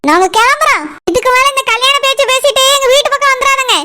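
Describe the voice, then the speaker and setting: A woman's voice: quick pace, background noise. A woman voicing a cold, accusing groom's mother in a cartoon. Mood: dismissive. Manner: accusing, lower and slightly distant.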